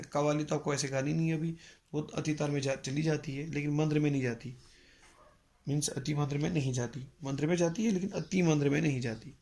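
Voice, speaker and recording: A man teaching a music lesson, explaining slowly and patiently with pauses and mixing in English phrases. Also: on the high side, vocal fry, darkish tone. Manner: mixes English phrases into Hindi. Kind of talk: spoken lecture.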